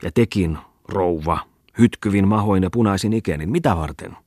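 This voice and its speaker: A man's voice: low-pitched, darkish tone, no room sound, clean studio sound. A man doing a gleeful, sneering schoolmaster orator. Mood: taunting. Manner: sneering, preachy speechmaking.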